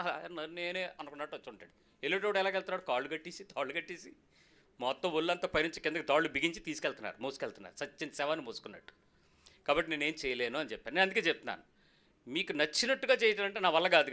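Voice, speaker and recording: A man preaching a sermon as pastor in a church, rapid and animated, firing questions at the congregation. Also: sits high.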